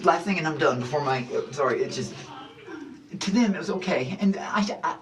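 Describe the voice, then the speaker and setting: A man's voice: a little high, animated, brisk, echoey room, recorded from a distance, crowd noise, poor audio. Flustered man rambling through an apology. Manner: rambling, flustered, many restarts. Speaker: reality show contestant. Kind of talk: emotional apology conversation.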